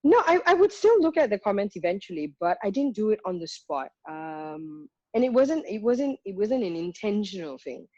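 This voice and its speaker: A woman's voice: medium pitch, very animated, moderate pace, hardly any pauses, darkish tone, dry recording. Frank woman, dry dull audio. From Malaysia. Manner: frank, reflective, emphatic with counted points. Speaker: guest singer. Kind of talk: candid conversational interview.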